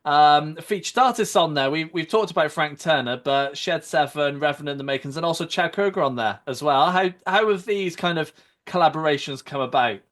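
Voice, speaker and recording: A man's voice: on the high side, brisk, a bit bright. A man hosting a podcast interview in a confident radio presenting voice. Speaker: podcast host.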